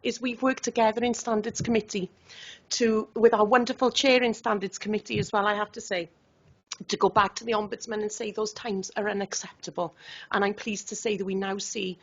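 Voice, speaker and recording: Welsh councillor, woman, emotional and halting, husky with fry, lo-fi chamber mic. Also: medium pitch, little pitch movement. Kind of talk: tribute speech at a council meeting.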